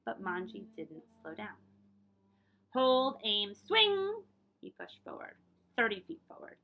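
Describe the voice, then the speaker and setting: Reading a picture book aloud slowly, a woman with a medium-pitched voice takes on a librarian's style. She's expressive, lands key words with dramatic emphasis and adds explanatory asides.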